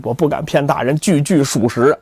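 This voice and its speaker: A man's voice: on the high side, normal speed, a little mellow, breathy edge, no echo. A man doing a stammering, frightened young gossip. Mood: nervous pleading. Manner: stammering, fearful pleading.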